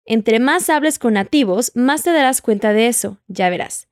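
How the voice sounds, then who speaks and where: Woman, language teacher, audio lesson, patient, prompts repetition, slightly high voice, dry close sound. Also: expressive, moderate pace, no echo. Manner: patient, prompts the listener to repeat and answer. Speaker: Portuguese teacher.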